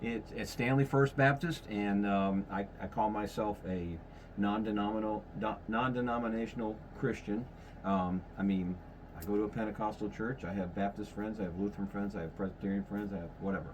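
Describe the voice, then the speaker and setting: Low-voiced folksy male podcast host in his fifties, chatty and self-correcting, faint hiss behind. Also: fairly even intonation, fairly quick. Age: 50s. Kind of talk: casual chat.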